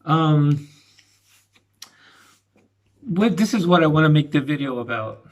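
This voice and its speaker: Halting middle-aged man, slightly high voice. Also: animated. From grew up between the United States and Argentina. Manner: halting, many restarts and fillers. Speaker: channel host giving commentary. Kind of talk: casual spoken commentary.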